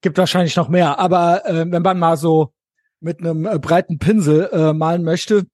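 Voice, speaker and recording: A man's voice: a little high, steady tone, moderate pace, darkish tone, no room sound, studio quality. A man from West Germany co-hosting a podcast, chatting casually and slangily about politics, often tacking on tag questions. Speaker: podcast co-host.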